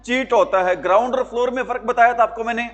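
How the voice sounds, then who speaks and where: A man's voice: extremely high pitch, fast talker, big-room sound, muffled recording. A male teacher giving a classroom grammar lesson, drilling his students with repeated questions and waiting for them to answer.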